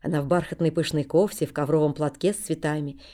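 Woman, audiobook narrator, calm and even, mellow warm tone. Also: sits low, quick pace. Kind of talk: scripted narration.

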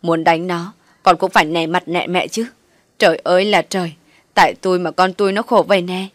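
A woman voicing a scheming middle-aged mother who wails and pleads loudly, reading a spoken story. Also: fairly low pitch, steady tone, brisk, dry recording, natural voice. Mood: wailing. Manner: loud, tearful pleading.

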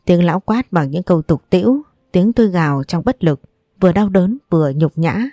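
Mellow-voiced woman narrating a story. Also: on the low side, animated, moderate pace, dry recording, clean studio sound, soft background music. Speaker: audiobook narrator. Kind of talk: first-person storybook narration.

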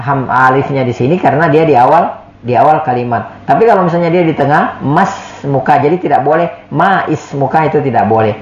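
A man's voice: medium pitch, darkish tone, a little hiss or hum. A man teaching Arabic in a classroom lesson, explaining patiently, repeating words and often checking with "ya". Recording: echoey, dull lo-fi room recording.

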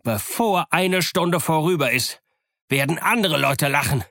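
A man voicing a cunning, blustering pirate leader on a crutch, loud and threatening, in an audiobook reading. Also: a little high, animated, a little slow, vocal fry, no room sound, clean studio sound, pitched above the performer's own voice, heavily acted.

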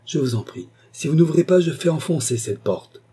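A man's voice: mid-range voice, normal speed, dark tone, husky, pitched above the performer's own voice, close to an everyday voice. A man reading an audiobook, voicing a frail, insistent elderly marquis. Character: frail elderly male marquis, tender and stubborn.

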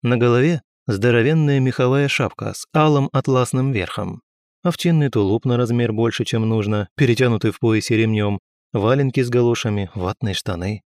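A man's voice: mid-range voice, moderate pace, a little mellow, no room sound. Man reading a story in a dry close voice. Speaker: audiobook reader. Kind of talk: scripted narration.

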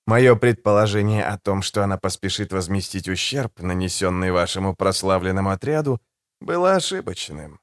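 A man reading an audiobook, voicing a suave, condescending male assassin in a soft, low, silky voice. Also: dry recording, clean studio sound, natural voice. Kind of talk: audiobook character voice.

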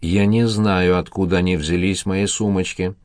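A man's voice: deep voice, fairly even intonation, moderate pace, no echo, studio quality, natural voice. A man voicing a cornered young woman who speaks sharply and defensively. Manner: sharp, alarmed.

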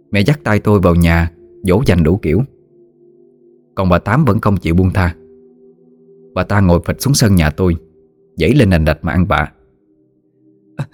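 A man narrating a ghost story in an expressive storytelling manner. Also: deep voice. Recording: faint background music.

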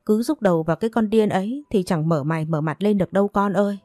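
A woman voicing a domineering old mother-in-law who scolds fast and loud in a storybook reading. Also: mid-range voice, no room sound, clean studio sound, natural voice. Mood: furious scolding.

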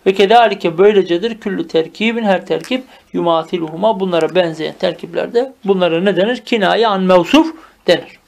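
A man's voice: high voice, a little fast, vocal fry. A man teaching a lesson. He reads classical phrases, explains each one, and asks himself questions that he then answers. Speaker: Arabic teacher. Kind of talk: madrasa-style text reading and explanation.

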